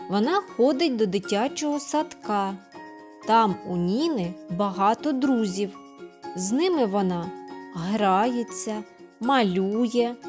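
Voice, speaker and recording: Slow, patient kindergarten teacher woman. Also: mid-range voice, a little mellow. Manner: slow, patient, asks questions and answers them herself; sounds out words syllable by syllable. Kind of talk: distance-learning literacy lesson for preschoolers.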